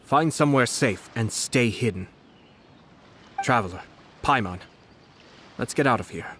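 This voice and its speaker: An actor playing a composed, shrewd aristocratic commissioner in a video game, speaking in a measured, formal and eloquent way. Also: male voice, medium pitch, animated, fairly bright tone, slight background noise. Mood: composed, resolute. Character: composed, aristocratic male government commissioner, shrewd and politely menacing.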